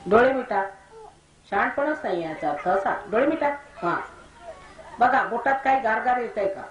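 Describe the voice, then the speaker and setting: In an echoey hall, a woman who is a spiritual teacher gives a crowd firm, scolding meditation instructions in a commanding manner. Her voice is fairly high and expressive, at a moderate pace. The lo-fi recording carries background noise.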